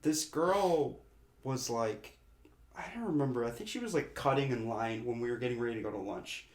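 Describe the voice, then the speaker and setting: A man's voice: mid-range voice, animated, normal speed, roomy sound. A young man co-hosting a podcast, telling rambling stories in casual chat and laughing often. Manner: rambling storyteller, frequent laughs. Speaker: podcast co-host.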